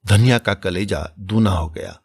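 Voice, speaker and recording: A man's voice: on the low side, measured pace, darkish tone, breathy edge, no room sound. A man reading a classic novel as an audiobook, telling the story dramatically. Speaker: audiobook narrator.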